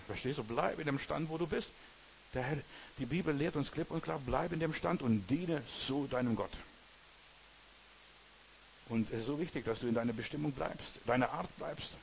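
A man's voice: mid-range voice, vocal fry, rough recording. Earnest German preacher man, faint hiss. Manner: earnest, addresses listener directly with repeated "verstehst du". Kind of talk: sermon.

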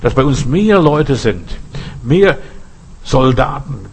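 A man's voice: very animated, takes it slowly, slight background noise, poor audio. A man preaching a sermon, asking rhetorical questions and repeating phrases for emphasis. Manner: acts out quoted voices with sudden pitch jumps.

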